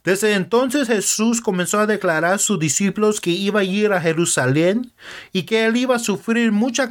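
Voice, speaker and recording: A man hosting a podcast, retelling Bible stories simply and earnestly, sometimes stopping to correct a word. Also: sits high. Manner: plain, earnest, with small self-corrections. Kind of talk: simple Bible story narration.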